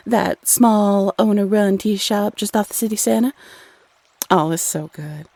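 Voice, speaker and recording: A woman's voice: on the low side, creaky, mellow, no echo. A woman playing a playful, teasing Cupid, a bossy love goddess who chats sassily and uses pet names in an audio roleplay. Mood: playful, enthusiastic. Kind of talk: scripted audio roleplay addressed to the listener.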